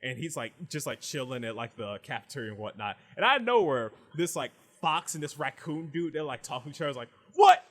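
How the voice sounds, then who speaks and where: A man's voice: mid-range voice, lively intonation, fast, hardly any pauses, sharp tone. A man hosting a casual podcast, rambling through a recap with "like" in nearly every phrase and frequent restarts. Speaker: podcast host reviewing anime.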